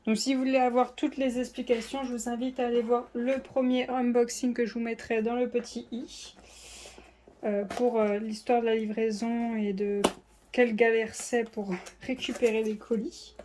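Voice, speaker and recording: A woman's voice: fairly high pitch, little pitch movement, moderate pace, dark tone, a little hiss or hum. A woman chatting casually through an unboxing, full of fillers and self-deprecating asides. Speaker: diamond painting vlogger.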